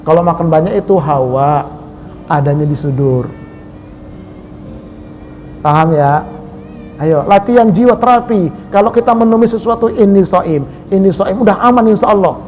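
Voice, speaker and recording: A man preaching a lively sermon, swinging between loud emphasis and soft asides. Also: sits high, normal speed, pauses often, rough recording.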